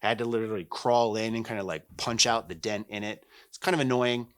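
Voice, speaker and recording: A man's voice: lowish voice, fast talker. A man in his forties talking casually to camera as a product reviewer, candid, conversational and a little self-deprecating. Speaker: gym equipment reviewer and YouTuber. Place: home gym, indoors.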